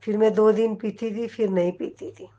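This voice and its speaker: A woman's voice: mid-range voice, fairly even intonation, moderate pace, mellow, highs cut off. A middle-aged woman giving an emotional devotional testimony to a congregation, often turning to address her listeners directly.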